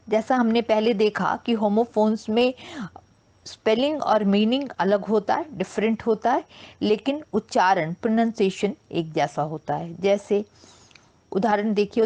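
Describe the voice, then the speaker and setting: Slow-spoken woman teaching English. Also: medium pitch, darkish tone. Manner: slow, spells words out letter by letter. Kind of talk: bilingual grammar lesson.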